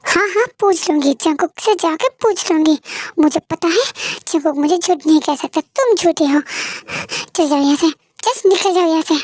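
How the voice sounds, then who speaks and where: A woman's voice: very high-pitched, moderate pace, voice pushed down. A woman voicing a betrayed young woman who accuses and cries in a fan-dub audio drama. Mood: defiant. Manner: accusing, tearful, shouting. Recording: music playing behind.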